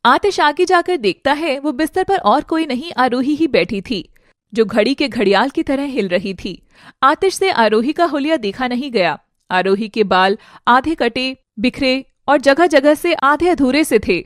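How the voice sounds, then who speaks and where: A woman's voice: sits high, animated, unhurried, no echo, studio quality. A woman narrating a dramatic family story expressively.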